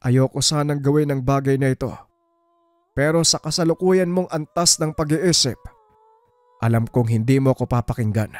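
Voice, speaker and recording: A man voicing a gentle old village man who speaks in a measured, pleading way. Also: medium pitch, no echo, voice pushed up, close to an everyday voice. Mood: calm pleading.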